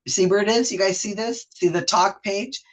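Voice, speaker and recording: In a casual screen-share explainer, a Wikipedia editor nursing a cold walks through on-screen pages in a rambling, conversational way, frequently fixing their wording mid-sentence. Their voice is mid-range, brisk, with fairly even intonation.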